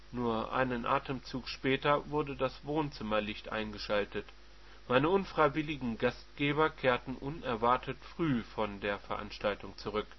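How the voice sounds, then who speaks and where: Wry male audiobook narrator, lo-fi. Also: medium pitch. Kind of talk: first-person scripted narration. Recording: dull lo-fi recording.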